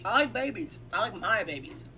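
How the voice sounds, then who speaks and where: Hoarse joking woman guest. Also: mid-range voice, animated, fairly quick, bright, forceful tone, slight background noise. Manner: joking, blunt, chews gummies while talking. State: hoarse, lost voice. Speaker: podcast guest. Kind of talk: casual chat. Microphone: shared desk mic at home.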